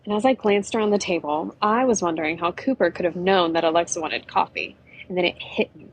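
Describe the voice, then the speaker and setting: A woman's voice: fairly low pitch, brisk, a little hiss or hum, rough recording. A woman narrating an adventure story in a chatty, conversational way. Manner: chatty, with frequent "you know".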